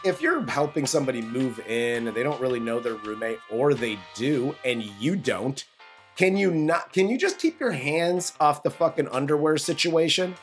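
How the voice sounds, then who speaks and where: A man's voice: mid-range voice, expressive, normal speed, faint music behind. A man co-hosting a casual movie review podcast, ranting and swearing in a rambling way. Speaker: podcast co-host.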